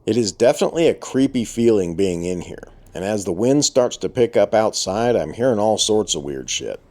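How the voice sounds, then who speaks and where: A man's voice: on the low side, lively intonation, moderate pace, darkish tone. A man narrating an exploration in a casual, dry way, his voice muffled by a respirator with audible breathing. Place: inside a burned abandoned hotel.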